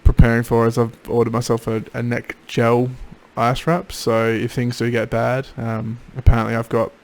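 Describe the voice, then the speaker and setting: A man records a casual diary while recovering from throat surgery. His mid-pitched voice is gravelly with fry. He sounds tired and drowsy, with little energy in his delivery. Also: completely flat delivery, normal speed, a little mellow. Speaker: patient keeping a recovery video diary. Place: home office.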